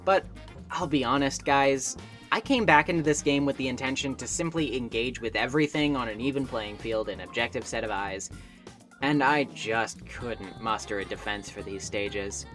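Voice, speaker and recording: A woman with a bass voice and a somewhat bright tone narrates a scripted video essay as a game reviewer, at a moderate pace. She is wry, opinionated and conversational, with asides that include mild swearing, over background music.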